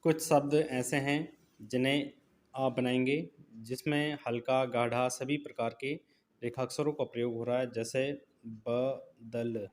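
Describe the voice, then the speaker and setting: A man teaching shorthand, slowly naming each stroke as he writes it and repeating the words. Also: medium pitch, little pitch movement, a little hiss or hum. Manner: slow, repetitive dictation of strokes while writing. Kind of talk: step-by-step writing lesson.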